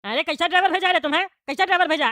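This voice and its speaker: A woman's voice: very high-pitched, bright, forceful tone. A woman playing a bossy bald male politician. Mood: annoyed. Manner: bossy, scolding, rapid questions. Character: bald loud-mouthed male small-town politician. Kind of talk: comic cartoon voice acting.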